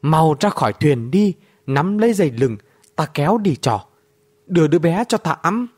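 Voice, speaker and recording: A man reading a story aloud, voicing a fierce, bitter old woman warrior who barks orders gruffly. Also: fairly high pitch, big pitch swings, moderate pace, a little mellow, no room sound. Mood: gruff commanding. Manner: gruff, bossy, barking orders.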